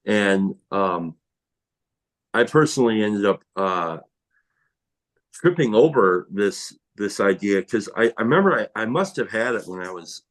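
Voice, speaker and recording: A man's voice: lowish voice, animated, measured pace. Man in a rambling, reflective chat. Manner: reflective and rambling, with many restarts and fillers. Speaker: tile worker who makes videos. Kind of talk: casual conversation.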